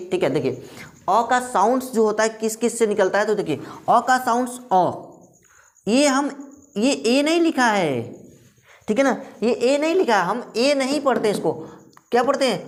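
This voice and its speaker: Hindi-speaking woman teaching English sounds. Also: mid-range voice. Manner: repeats questions and answers them herself; drills letter sounds slowly. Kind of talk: classroom lesson.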